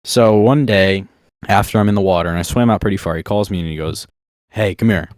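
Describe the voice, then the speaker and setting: A man's voice: fairly low pitch, quick pace, smooth, dry recording, studio quality. A young man telling casual, rambling, self-deprecating childhood stories to his viewers. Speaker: vlogger. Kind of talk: casual storytelling monologue.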